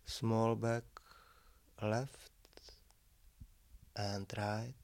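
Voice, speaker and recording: A man leads a relaxation meditation, his voice on the low side with some vocal fry. He gives calm, measured instructions in short phrases, leaving long pauses between them.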